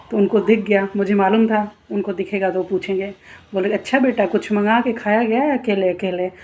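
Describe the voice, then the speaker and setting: A woman's voice: mid-range voice, a little mellow. Chatty woman vlogging at home. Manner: chatty storytelling, acts out husband's quoted lines. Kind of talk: casual vlog chat. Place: home room facing a noisy street. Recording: faint street noise behind.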